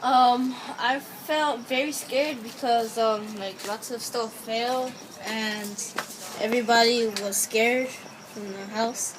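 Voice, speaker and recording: A woman's voice: a little high, steady tone. A woman giving hesitant, casual interview answers full of fillers in a noisy outdoor backyard recording. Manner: halting, filler-heavy. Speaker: interviewee in a mock newscast.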